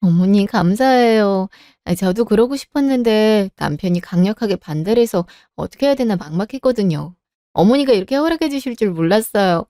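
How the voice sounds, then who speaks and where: A woman's voice: medium pitch, expressive, brisk, mellow, no echo, clean studio sound, close to an everyday voice. A woman playing a worried young wife and mother who pleads to care for her sick mother, in a radio drama. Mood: polite, surprised. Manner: pleading, anxious.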